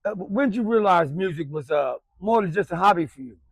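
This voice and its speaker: Male interview host with a high voice; energetic, slangy, repeats himself, dry sound. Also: a little fast, no echo. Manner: hype, slangy, repeats phrases. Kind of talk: casual interview.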